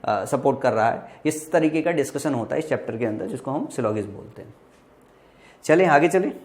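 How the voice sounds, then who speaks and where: A man with an Indian accent teaches vocabulary for exam prep in a slightly high voice. He quizzes his listeners with questions he answers himself. He breaks hard words into parts and spells them out slowly, letter by letter. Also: a little mellow.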